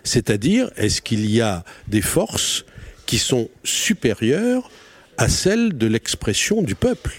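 A man's voice: medium pitch, sing-song, takes it slowly. A man answering as a guest in an interview, hesitant with many fillers and restarts, in a restaurant. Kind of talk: casual interview chat.

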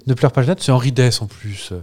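Male podcast co-host, jokey and chatty, mid-pitched everyday voice. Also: brisk, darkish tone. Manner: playful, chatty, laughs often. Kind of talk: casual chat.

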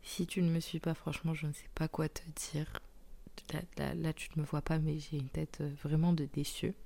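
Sick with tonsillitis, a young woman speaks softly on her intimate solo podcast, her very sore throat often reducing her to a breathy near-whisper. Her voice is low with little pitch movement, and she talks at a normal speed.

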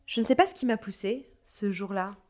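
A woman from Lebanon with a Parisian French accent reads a literary first-person narration in a measured, introspective manner. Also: medium pitch, a little mellow, faint music behind. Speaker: narrator telling her own story.

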